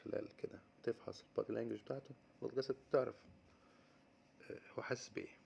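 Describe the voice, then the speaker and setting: An Egyptian man with an Egyptian accent teaches English words. He says each term slowly, then explains it quickly in Arabic. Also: medium pitch, steady tone, vocal fry, a little mellow, a little hiss or hum. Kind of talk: vocabulary lesson mixing English and Arabic.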